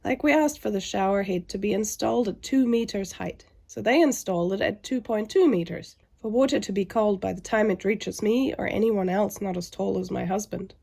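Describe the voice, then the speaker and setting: Creaky-voiced, weary woman narrating a vlog. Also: medium pitch, normal speed, few pauses, a little mellow. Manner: frustrated, weary. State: under the weather.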